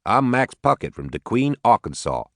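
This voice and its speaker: A man's voice: medium pitch, very animated, moderate pace, no room sound, pitched above the performer's own voice. A male narrator voicing a blunt, crude farmer from the rural American South, with a Southern accent, curse words and all. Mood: folksy. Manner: crude, blunt, folksy cursing.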